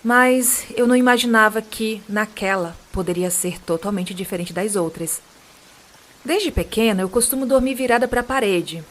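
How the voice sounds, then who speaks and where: A woman with a Brazilian Portuguese accent hosts a podcast, reading listeners' supernatural accounts in a calm, measured voice. Her pitch sits in the middle of the range. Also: slight background noise. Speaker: podcast host and reader of listener stories. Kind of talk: narrating true supernatural stories.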